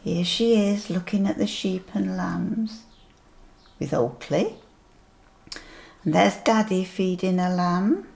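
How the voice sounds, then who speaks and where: A sweet grandmotherly older woman reading a picture book aloud to young children, gently pointing things out as she goes. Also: lowish voice, vocal fry, slight background noise. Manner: slow, deliberate storytelling with asides.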